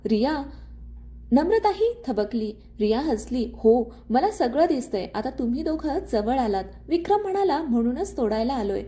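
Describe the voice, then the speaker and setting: A woman's voice: sits high, warm tone. A woman reading a dramatic family story aloud as a storyteller, voicing all the dialogue herself. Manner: reads all the characters' dialogue in her own voice. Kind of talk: scripted story narration.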